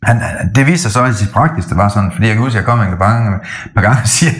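A middle-aged man co-hosting a podcast, talking in a casual, animated way that often stumbles and restarts. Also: on the low side. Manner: animated storytelling with frequent restarts. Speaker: podcast co-host. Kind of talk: casual chat.

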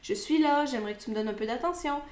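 A woman voicing the inner thoughts of an attention-seeking pet dog, talking in a soft, insistent way. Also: a little high, fast, lightly acted. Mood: demanding. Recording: roomy echoey room.

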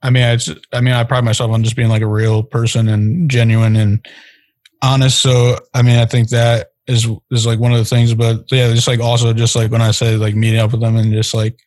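A male guest talks quickly and casually, leaning on "like" between phrases. His delivery stays fairly flat and lowish, and the recording is dry and close. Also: dry recording. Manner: casual, heavy use of "like". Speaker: interview guest. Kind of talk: conversational interview.

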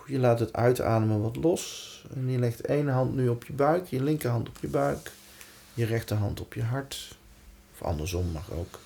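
A man guiding a breathing and body-awareness exercise in a calm, reassuring way, leaving pauses between short instructions. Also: medium pitch, gravelly, a little hiss or hum. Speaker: relaxation and breathwork guide.

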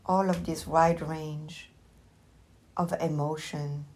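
In a low, steady voice, a woman guides a meditation very slowly. Like a teacher, she gives gentle instructions in short phrases with long pauses between them.

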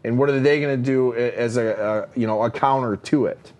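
A man's voice: mid-range voice, steady tone, brisk, a little mellow. A man co-hosting a leadership podcast, talking emphatically with many fillers and "right?" tags. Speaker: podcast co-host, leadership coach. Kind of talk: casual leadership podcast chat.

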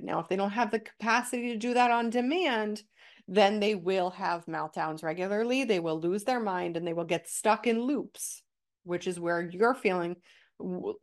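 Stuffy-nosed woman podcast host. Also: mid-range voice. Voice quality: nasal. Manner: emphatic, with frequent "right?" check-ins. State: stuffy from a cold. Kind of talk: casual teaching talk.

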